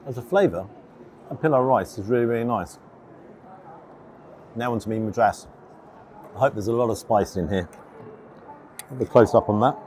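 Man over clear background noise. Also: medium pitch, normal speed, long pauses, a little mellow. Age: 50s. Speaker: food reviewer vlogger. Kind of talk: casual vlog talk to camera. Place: large open train station concourse restaurant. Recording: busy station noise and announcements. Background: station ambience, background announcements.

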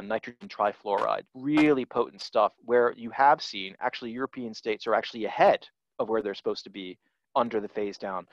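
A man's voice: fairly low pitch, no room sound. A man in his forties, a guest lecturer on a video call, answering audience questions thoughtfully with fillers. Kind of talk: academic Q&A answer. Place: office with posters on the wall. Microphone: headset on a video call. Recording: dull video call audio.

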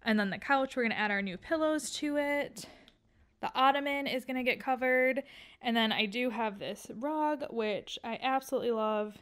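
Filming in her furnished living room, this home decor vlogger in her thirties chats informally to camera and walks through things step by step. She has a high-pitched, somewhat bright, clean voice at a normal speed.

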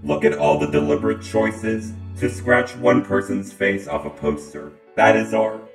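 A man delivering comedic fan-film dialogue in a dry, deadpan way, stammering now and then. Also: on the low side, measured pace. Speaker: channel host and lead player. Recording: roomy with loud music behind.

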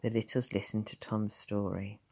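A woman's voice: a bass voice, flat delivery, normal speed, dark tone. A woman teacher reading a novel aloud, narrating expressively and voicing each character. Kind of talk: storybook narration.

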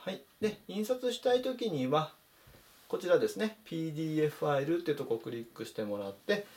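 A man teaching English vocabulary in Japanese, saying each word slowly and clearly in a voice-over lesson. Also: a little high, lively intonation, a little mellow. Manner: slow, careful spelled-out pronunciation of English words.

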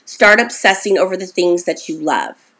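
A woman's voice: lowish voice, very animated, moderate pace, fairly bright tone. A woman in her forties giving a casual motivational talk to camera as a self-esteem coach, chatty and encouraging, often checking in with her listener. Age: 40s.

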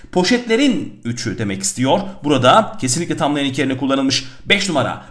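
A man teaching an energetic exam-prep grammar lesson, talking emphatically and addressing his viewers directly as he works through exercises. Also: a little high.

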